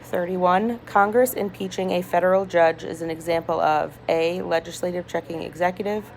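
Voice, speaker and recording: Lowish woman w vocal fry reading test questions out loud in a hospital room, bit of background noise. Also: fairly even intonation, poor audio. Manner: deliberate, item-by-item reading with small stumbles. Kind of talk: reading multiple-choice test questions aloud. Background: people talking, ambient noise.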